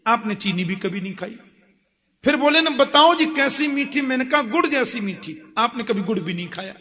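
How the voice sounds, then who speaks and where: A male preacher giving a devotional katha sermon, telling stories slowly and chanting Sanskrit verses in a sung tone. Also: very high-pitched, lively intonation. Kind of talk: Bhagwat katha sermon with storytelling. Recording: dull sound with long hall reverb and faint music.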